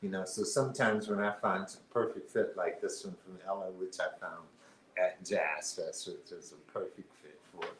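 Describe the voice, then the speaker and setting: A man's voice: low-pitched, steady tone, normal speed, fairly bright tone, reverberant, a little hiss or hum, rough recording. A man co-hosting a casual live stream chat, rambling with lots of fillers and restarts. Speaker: co-host.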